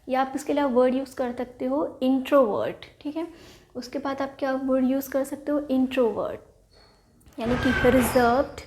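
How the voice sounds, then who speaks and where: A woman with an Indian accent teaching English synonyms. She works slowly through word lists, repeats each word and checks in often with "okay". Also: high voice, darkish tone. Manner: repeats words, frequent "thik hai" checks, slow deliberate spelling. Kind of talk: explaining word lists in Hindi-English mix.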